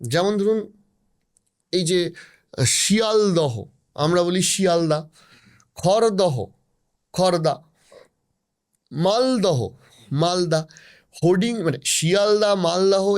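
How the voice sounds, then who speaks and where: A male podcast host with a notably high voice asks curious questions. He stacks up example after example as he talks. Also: expressive, moderate pace. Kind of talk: conversational interview.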